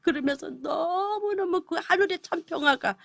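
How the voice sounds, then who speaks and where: A woman's voice: sits high, animated, normal speed, creaky, no echo. A middle-aged woman pastor giving an emotional, pleading testimony, her voice at times breaking into tears. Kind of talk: emotional testimony on a gospel broadcast.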